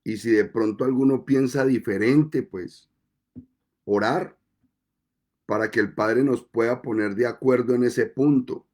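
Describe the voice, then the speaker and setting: A male pastor delivers his sermon at an unhurried, deliberate pace. His voice is mellow and dark-toned, and he lets pauses settle between phrases. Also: mid-range voice, steady tone. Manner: slow, deliberate preaching with measured pauses.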